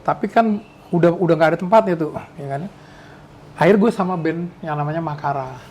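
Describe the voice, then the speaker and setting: A man in his sixties from Indonesia hosts a casual podcast chat. He reminisces in a high voice, rambling and restarting, with a faint hiss behind him. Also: a little fast, a little mellow. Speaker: podcast host.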